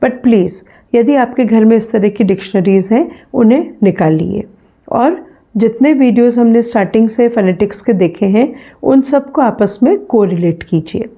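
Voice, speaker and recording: A middle-aged woman teacher with a soft, mellow voice that sits a little high. She explains English sounds patiently in Hindi, with an Indian English accent, and says example words again slowly. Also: husky. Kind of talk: phonetics revision lesson.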